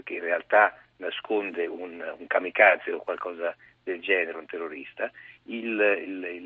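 A low-voiced man calls in by phone as a guest journalist, his tone measured and explanatory. The voice is husky and comes through a dry, tinny phone line. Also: no room sound. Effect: heard over the phone. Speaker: magazine deputy editor, guest journalist. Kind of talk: phone-in news briefing.

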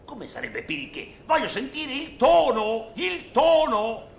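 A man's voice: very high-pitched, huge pitch swings, unhurried, creaky, exaggerated voice. An actor playing a pompous male singing-contest judge who lectures and keeps losing patience. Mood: exasperated. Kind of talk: comic sketch acting. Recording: roomy recording with faint hiss.

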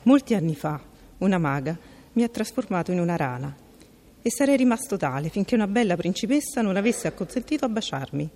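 A woman voicing a tender, gallant young prince with a warm voice, in a reverberant room. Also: medium pitch, very animated, brisk.

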